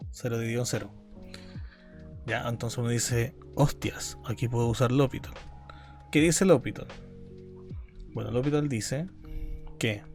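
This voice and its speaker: A man gives a university calculus lesson. He speaks at a middling pitch and walks through each step aloud. Faint music plays somewhere behind him. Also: a little mellow. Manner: explanatory, often checks in with students. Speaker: university math lecturer. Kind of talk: live calculus lecture.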